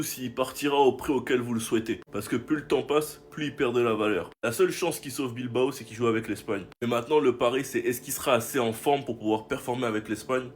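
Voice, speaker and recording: Chatty football commentator man. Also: mid-range voice. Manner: chatty, addresses viewers directly. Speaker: football reaction host.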